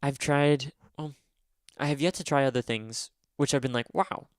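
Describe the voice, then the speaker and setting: A man's voice: medium pitch, steady tone, moderate pace, dry recording, studio quality. Rambling, swearing young man. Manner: rambling, swears a lot, self-deprecating. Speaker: livestreamer. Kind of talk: casual livestream rambling.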